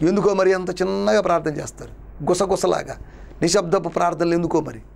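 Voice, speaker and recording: A man's voice: high-pitched, fast, vocal fry. A man preaching a sermon as a pastor, with dramatic repetition and rhetorical questions. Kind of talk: Telugu sermon.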